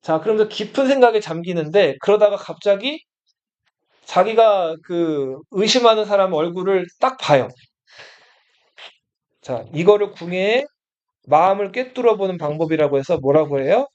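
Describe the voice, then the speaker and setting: A man's voice: sits high, lively intonation, normal speed, a little mellow. A man teaching a Korean history lesson to students in a classroom. He keeps asking the class questions and then answers them himself. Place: study room classroom. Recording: dull lo-fi classroom recording.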